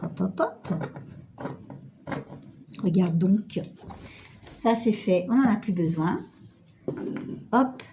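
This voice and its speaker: Woman, middle-aged, stuffy cold, slow-paced, chatty and self-mocking, phone recording. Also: medium pitch, animated, noisy background. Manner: chatty, self-mocking, addresses viewer informally. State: nasal with a cold. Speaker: sewing tutorial host. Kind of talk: casual sewing tutorial. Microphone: phone camera.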